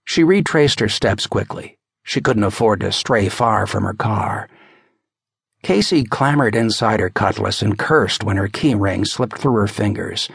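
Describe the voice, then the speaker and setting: A man narrating a thriller audiobook in a tense, dramatic, measured way, close to a studio mic. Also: on the low side, vocal fry, breathy edge, no room sound.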